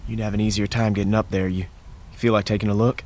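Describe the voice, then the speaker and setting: A man's voice: on the low side, flat delivery, fast talker, darkish tone, slight background noise, natural voice. An actor playing an easygoing, protective young man in a dramatic video game, with a casual, reassuring manner. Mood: teasing, easygoing. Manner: casual, reassuring, stammering repetitions.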